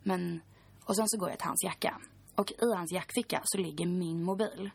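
A woman's voice: lowish voice, creaky, breathy edge. A woman in her twenties, a podcast guest, recounting a personal story in a chatty way full of fillers.

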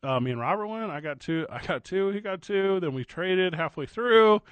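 A man from St. Louis banters in a loose, rambling way, full of slangy asides. His voice sits on the higher side for a man. The studio sound is close and dry. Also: animated, normal speed, clear, resonant tone, no room sound, dull audio. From St. Louis, USA. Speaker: radio co-host. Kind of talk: casual radio banter.

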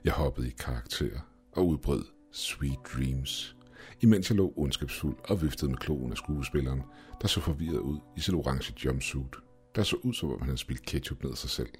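A man narrating a scripted first-person horror story in a steady, measured way. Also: very deep voice, faint music behind.

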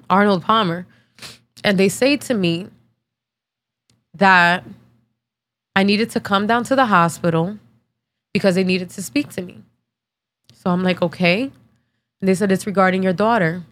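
A woman's voice: mid-range voice, moderate pace, pauses often, a bit bright. A woman in her thirties hosting a podcast, telling a personal story in a casual, candid way with many fillers, tearful and emotional. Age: 30s. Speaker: podcast host.

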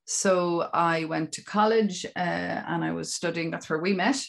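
Irish woman, interview guest, just chatting casually, normal mid pitch. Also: fairly even intonation, a little slow, vocal fry. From Dún Laoghaire, Ireland. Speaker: interview guest, business owner.

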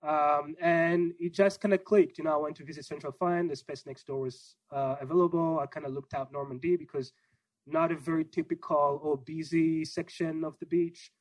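A young man raised in Israel, answering interview questions in a relaxed, rambling way with many fillers. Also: fairly high pitch, moderate pace, dry recording, poor audio. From Congo, raised in Israel. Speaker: gallery owner guest.

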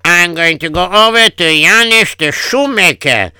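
A man's voice: high-pitched, expressive, a little slow, bright, forceful tone, clear, resonant tone, no room sound, heavily acted. A man playing a fretful Yiddish-accented husband. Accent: Yiddish-inflected English. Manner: kvetching, sighing oy vey. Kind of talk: improvised comic radio story.

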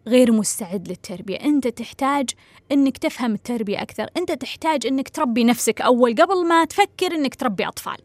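A woman's voice: sits high, no room sound. A woman giving earnest family advice, repeating phrases for emphasis and putting direct questions to her listeners. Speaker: family counselor. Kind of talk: advice talk on a family case.

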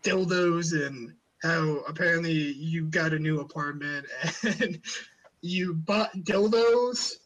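A man hosting a podcast in casual chat, with a fairly high voice. He rambles and swears a lot as he talks. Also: takes it slowly, a bit bright, poor audio. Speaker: podcast host.

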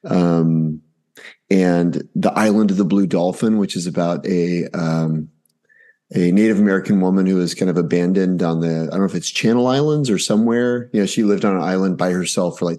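Lively low-voiced storyteller, a man. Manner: animated, acts out family dialogue. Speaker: podcast guest. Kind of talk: casual anecdotal storytelling.

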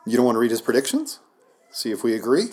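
A man's voice: medium pitch, big pitch swings, quick pace, mellow. A man co-hosting a podcast in casual chat with dry, teasing banter, recorded in an echoey office. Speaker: podcast co-host. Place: office, indoors.

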